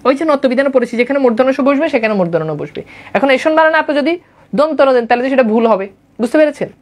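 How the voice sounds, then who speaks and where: Woman, high voice, grammar lecture, repetitive drilling, quizzes listeners. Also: expressive, rapid-fire. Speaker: grammar teacher.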